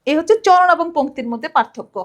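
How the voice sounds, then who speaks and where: A woman college lecturer from Bangladesh gives a recorded lesson in a high, bright voice. She explains step by step, poses questions and answers them herself, and recites short rhymes as examples. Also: fast talker. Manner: recites children's rhymes to show rhythm.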